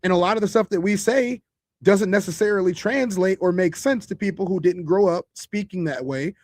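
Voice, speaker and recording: Man, podcast host, high-pitched voice, loose conversational talk with restarts, dry close sound. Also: fairly quick, a little mellow, no echo. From Chicago. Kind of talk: casual commentary to viewers.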